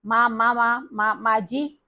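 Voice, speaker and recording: A woman's voice: on the high side, level tone, very slow, bright, forceful tone, lo-fi sound, heavily acted. A woman doing a stammering kindly old author. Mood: flustered. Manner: stammers on first syllables. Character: kindly middle-aged male author who stammers.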